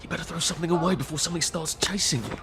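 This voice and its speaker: A man's voice: on the high side, rapid-fire, close to an everyday voice. An actor voicing a wry man in a video game, making dry remarks. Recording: game music underneath.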